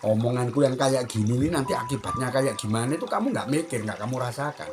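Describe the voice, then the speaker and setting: A middle-aged spiritual teacher with an East Javanese accent speaks straight to his listener. He circles back over the same warnings again and again in a steady, admonishing way. Music plays clearly under his voice. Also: mid-range voice, quick pace. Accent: East Javanese Indonesian. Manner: repetitive, admonishing, addresses listener directly. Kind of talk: spiritual advice talk.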